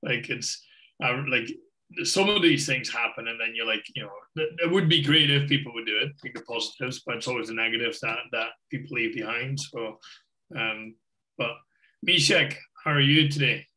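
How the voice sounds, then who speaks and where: A man's voice: medium pitch, normal speed, sharp tone, rough recording. A Scottish man in his thirties hosting a casual video-call chat from a home office, rambling with lots of fillers. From Scotland. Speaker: guest host.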